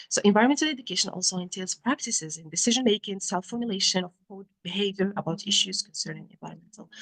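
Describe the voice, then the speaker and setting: A woman with a Moroccan accent presenting research at an academic conference in a halting, often self-correcting way. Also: medium pitch, rough recording. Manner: hesitant, halting delivery with frequent self-corrections.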